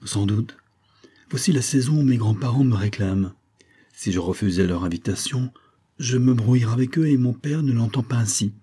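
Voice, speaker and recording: A man's voice: medium pitch, moderate pace, mellow, breathy edge, natural voice. A man reading aloud and voicing a proud young woman who turns from mocking to angry. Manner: mocking, then angry and tearful.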